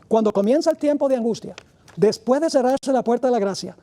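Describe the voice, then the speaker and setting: A man, a pastor, giving a sermon-style Bible lecture, reading scripture aloud and stressing key words slowly. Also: extremely high pitch, animated, warm tone. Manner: mentions rushing through much material.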